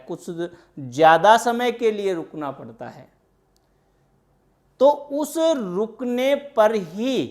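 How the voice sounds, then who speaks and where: A woman teacher giving a grammar lesson, deliberate and explanatory, posing questions to her class and answering them herself. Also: medium pitch.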